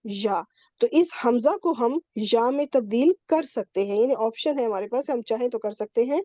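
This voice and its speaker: A woman's voice: on the high side, warm tone, no echo, dull audio. A woman teaching Quranic Arabic grammar in an online class, explaining patiently step by step and checking in often with her students. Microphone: computer mic on a video call.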